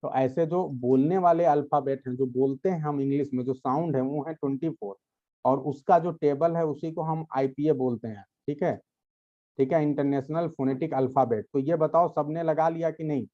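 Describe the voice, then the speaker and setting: A man with a dark-toned voice on the high side teaches his students English grammar at a moderate pace. He explains patiently, checking comprehension often and speaking directly to them, in dull-sounding audio.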